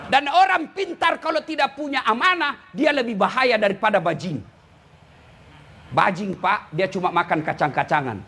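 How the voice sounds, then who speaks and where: A man from Indonesia preaches with a strikingly high voice, joking and needling his listeners as he goes. His delivery is animated and conversational. A faint noise sits under the recording. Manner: animated, joking, teasing the audience directly. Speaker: Islamic preacher. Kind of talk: humorous sermon to a congregation.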